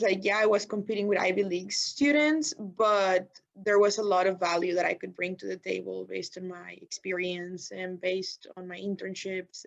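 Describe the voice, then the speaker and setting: Friendly young woman on a webinar. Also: medium pitch. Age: 20s. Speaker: guest consultant. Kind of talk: webinar panel answer. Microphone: video call. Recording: dull lo-fi video call audio.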